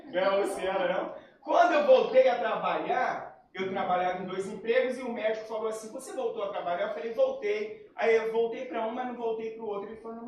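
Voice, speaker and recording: A high-voiced man gives a spiritist talk to a gathering. He tells his own story and acts out the lines of the people in it. The recording is very echoey, and he sounds far from the microphone. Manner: personal storytelling, acts out quoted dialogue. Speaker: spiritist lecturer. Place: lecture hall. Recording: very echoey hall, far from mic.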